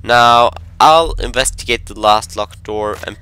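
A man's voice: medium pitch, measured pace, pushed and bright, clean tone. A man commentating his own horror game play, jumpy and talking to himself, sometimes dropping to a whisper when scared. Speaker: gameplay commentator.

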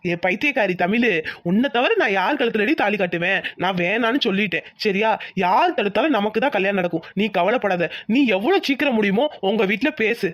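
A woman's voice: medium pitch, expressive, fairly quick, no room sound, clean studio sound, natural voice. A woman voicing a devoted young village man in a cartoon, reassuring his sweetheart. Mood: tender. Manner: coaxing, reassuring.

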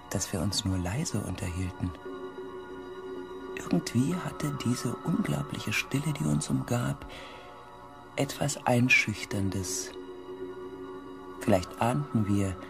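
In a science fiction radio play, a man voices a reflective expedition member, narrating his report in a measured, literary way. His voice is lowish with vocal fry, and music plays in the background.

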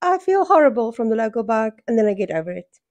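A middle-aged South African woman with a hoarse voice worn by a cold, chatting casually in a home vlog. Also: fairly high pitch, very animated, quick pace, darkish tone, dry recording. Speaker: sewing vlogger. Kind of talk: casual vlog chat to camera. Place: small furnished room at home, indoors. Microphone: small microphone held near the mouth.

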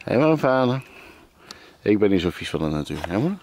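A man's voice: lowish voice, sing-song, a little fast, darkish tone, slight background noise. A man in his thirties filming a casual family vlog at a campsite, bantering in a joking mock-announcer way. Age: 30s. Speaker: vlogging father. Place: outdoors at a campsite. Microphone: handheld camera behind the lens. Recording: background music under voice.

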